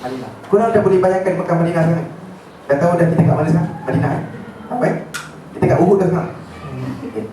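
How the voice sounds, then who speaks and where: A man giving a lively storytelling lecture on religious history and mixing in English words. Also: fairly high pitch, racing, long pauses, background noise. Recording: echoey room from far off.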